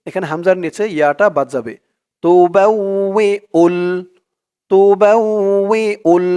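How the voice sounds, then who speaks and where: High smooth-voiced man teaching Quran recitation. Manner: recites verses slowly and melodically, then explains rules quickly and quietly.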